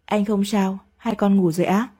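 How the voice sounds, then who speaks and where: A woman voicing a calm young husband who speaks reassuringly to his wife. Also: mid-range voice, moderate pace, slightly rough, natural voice.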